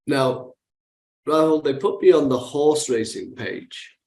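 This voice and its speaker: A man in his sixties from Manchester, England, with a Manchester accent, answering interview questions in a halting way full of fillers and restarts. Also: a little high, a little mellow, reverberant, rough recording. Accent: Manchester English. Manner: hesitant, many fillers and restarts. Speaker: guest investor. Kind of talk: interview conversation.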